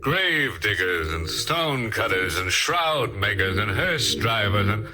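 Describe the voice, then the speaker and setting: A man's voice: lowish voice, sing-song, takes it slowly. A man hosting an old-time radio show in a theatrical, wisecracking, mock-macabre manner. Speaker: host. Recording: old radio broadcast, faint music.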